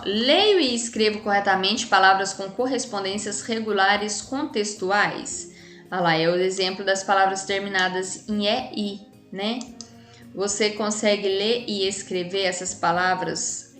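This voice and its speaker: A Brazilian woman teaches children in a relaxed, chatty way, ending her points with quick tag questions. Her voice sounds roomy and echoey, with soft music playing underneath. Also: medium pitch. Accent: Brazilian Portuguese. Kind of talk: casual classroom explanation. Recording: echoey room with faint music.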